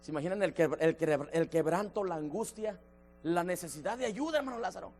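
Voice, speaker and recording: A man leading a church Bible study, emphatic, slowing down to stress key words and addressing listeners by name. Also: sits high, lively intonation, darkish tone, faint music behind. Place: church sanctuary.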